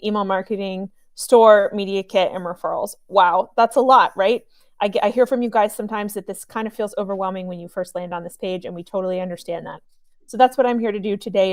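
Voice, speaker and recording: A woman hosting a live software training webinar, chatty and upbeat, with a cough drop in her mouth. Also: medium pitch, no room sound, studio quality. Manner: chatty, upbeat, friendly with filler ums.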